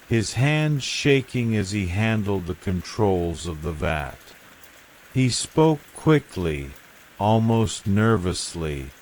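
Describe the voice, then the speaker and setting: A man narrating a scary bedtime story in a hushed, measured whispered style, as a scripted reading. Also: low voice. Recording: rain falling behind the voice. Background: steady rain sounds.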